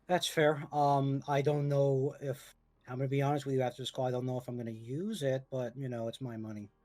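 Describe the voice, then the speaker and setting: A young man on an online voice call, speaking haltingly, repeating and restarting his words. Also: medium pitch, little pitch movement, darkish tone, dry recording, faint music behind.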